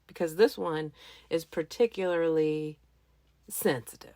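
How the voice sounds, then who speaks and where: Playful woman telling a funny story. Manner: playful, animated, jumps into high squeaky voices. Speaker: podcast host. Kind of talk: casual storytelling.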